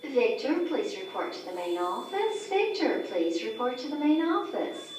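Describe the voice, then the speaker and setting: A woman making a calm, repeated school office announcement over a PA system. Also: a little high, moderate pace. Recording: echoey distant PA with background noise.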